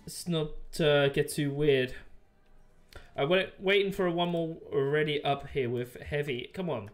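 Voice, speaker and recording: A man doing live gameplay commentary as a streamer, chatty and excitable, swearing often. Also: on the high side, measured pace, faint music behind. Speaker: game streamer.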